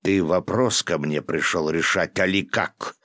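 A man voicing a gruff, domineering governor who barks orders and drinks hard, in a storybook reading. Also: sits low, a little slow, fairly bright tone, dry recording, clean studio sound. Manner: gruff, barking, commanding.

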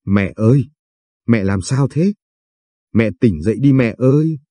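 A man's voice: mid-range voice, expressive, measured pace, dark tone, husky, dry recording. A man reading as a tearful pleading daughter. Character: young woman, distraught daughter pleading.

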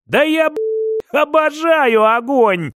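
A man's voice: sits high, big pitch swings, a little slow, a bit bright, dry recording, clean studio sound, heavily acted. A man voicing a cruel, arrogant young nobleman who taunts and threatens a captive in an audiobook. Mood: mocking.

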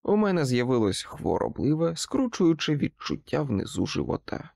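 A male narrator reads a first-person audiobook in a gravelly voice. His pitch moves a lot as he dramatizes the story. The recording is dry and close, with no room sound. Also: normal speed, dry recording. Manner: expressive, dramatic reading.

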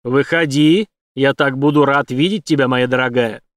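A man voicing a brutal, leering adult male villain who taunts and threatens loudly. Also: medium pitch, steady tone, normal speed, dry recording, clean studio sound, close to an everyday voice. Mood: taunting. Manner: taunting, menacing, loud.

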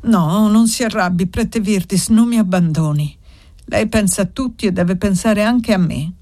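A woman's voice: mid-range voice, moderate pace, dark tone, natural voice. A woman reading the part of a desperate young foundling woman in an audiobook, pleading and insistent.

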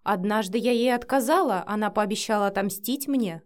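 A woman voicing a cautious middle-aged nanny in an audiobook, speaking in a measured, dry way. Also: medium pitch, close to an everyday voice. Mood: guarded. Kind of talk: audiobook character voice.

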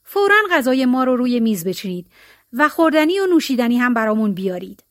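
A woman's voice: a little high, very animated, fairly bright tone, dry recording, studio quality. A woman reading a storybook tale, voicing a selfish, greedy rich male landlord who schemes and gives orders. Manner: scheming, eager and commanding.

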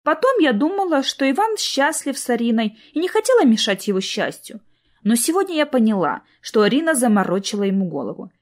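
A woman reading the lines of an earnest, hesitant young woman in love, in a soft, plaintive way. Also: a little high, sing-song, fairly quick.

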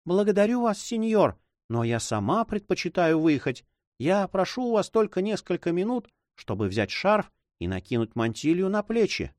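A man's voice: sits high, big pitch swings, moderate pace, a little mellow, no room sound, clean studio sound, pitched above the performer's own voice. A man voicing a sad, stubborn young woman who pleads in a plaintive tone. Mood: pleading.

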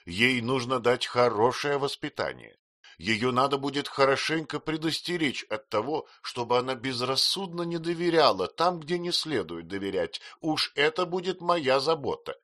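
A man's voice: medium pitch, expressive, normal speed, bright, forceful tone, no echo, clean studio sound, voice pushed up. A man voicing a stern, commanding elderly aunt who speaks sharply and impatiently.

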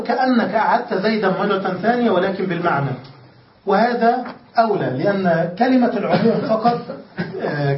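A grammar teacher with a high-sitting male voice gives a classroom lesson, explaining step by step, restating points and checking his students follow. There's slight background noise, and the distant lo-fi mic picks him up in an echoey room.

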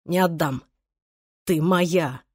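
A woman's voice: medium pitch, animated, moderate pace, dry recording, clean studio sound, close to an everyday voice. A woman reading aloud and voicing an obsessive young man who pleads desperately and threatens coldly, in an audiobook. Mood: cold menace. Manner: pleading then cold and threatening.

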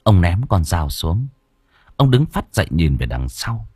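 A man narrating a horror story in a dramatic, expressive way. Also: deep voice, measured pace, breathy edge, no echo. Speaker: audiobook narrator.

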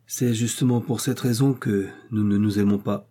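A man playing a brooding, scheming naval captain with a pensive, measured delivery. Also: fairly low pitch, fairly even intonation, dark tone, natural voice. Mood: guarded.

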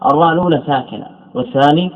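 A man teaching a classical grammar text in a lecture, stretching out example words slowly and restating terms as he goes. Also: fairly high pitch. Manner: drawn-out syllables on example words, repeating terms and correcting himself. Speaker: Islamic scholar teaching Arabic morphology. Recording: dull lo-fi lecture recording.

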